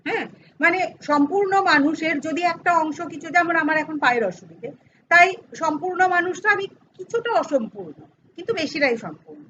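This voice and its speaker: A woman's voice: sits high, expressive, fairly quick, sharp tone, highs cut off, slight background noise. A middle-aged woman teaching a grammar lesson to students, explaining step by step and asking and answering her own questions. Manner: addresses students informally, teasing aside.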